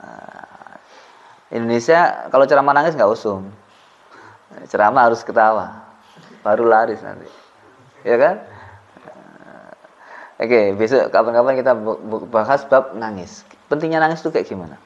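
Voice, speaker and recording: A man leads a religious study class. He recites Arabic slowly, then explains it in a loose, joking way. His voice sits at an ordinary middle pitch, and the recording sounds dull and lo-fi. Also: animated. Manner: switches between slow Arabic recitation and casual joking explanation. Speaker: religious teacher. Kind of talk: kitab study lesson.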